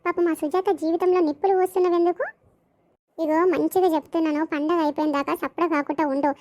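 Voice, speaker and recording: A woman's voice: very high-pitched, fairly even intonation, fast, darkish tone. A woman voicing a stern middle-aged mother, lecturing and scolding. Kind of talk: animated village comedy voicing.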